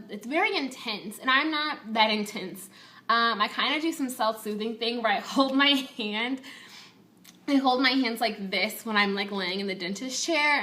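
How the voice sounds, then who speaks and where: A woman's voice: mid-range voice, bright, forceful tone. A woman vlogger giving a casual, chatty and candid personal update to her viewers.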